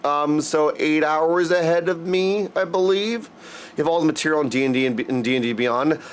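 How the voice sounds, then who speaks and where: Clear and resonant at a fairly high pitch, a man talks a little fast on a casual livestream. He pours affectionate greetings onto his viewers as he chats, frequently calling them dudes.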